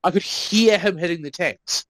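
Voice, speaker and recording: A man's voice: high voice, normal speed, fairly bright tone, dry recording, poor audio. A man co-hosting a podcast, telling work stories in casual chat, swearing freely and acting out what people said. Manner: swears freely, acts out quoted remarks. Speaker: podcast co-host.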